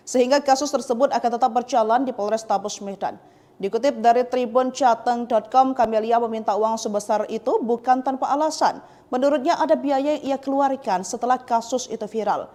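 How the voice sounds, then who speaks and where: A woman reading a scripted news report in an even, formal manner. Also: fairly high pitch, a little fast. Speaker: news narrator.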